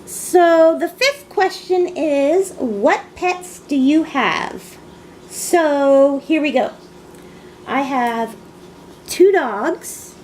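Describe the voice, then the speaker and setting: A woman in her thirties from Canada, chatting casually as she answers a video tag, soft-spoken and rambling. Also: high-pitched, drawn-out words, a little hiss or hum, low-quality recording. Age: 30s. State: tired. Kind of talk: casual chat.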